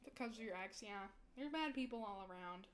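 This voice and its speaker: A woman's voice: mid-range voice, animated, fairly quick, slight background noise. A young woman VTuber chatting casually with her stream viewers, rambling and giggling often.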